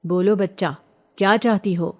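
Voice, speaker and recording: A woman voicing an older male holy man who speaks in slow, authoritative, cryptic warnings. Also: medium pitch, fairly even intonation, darkish tone, lightly acted. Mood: stern.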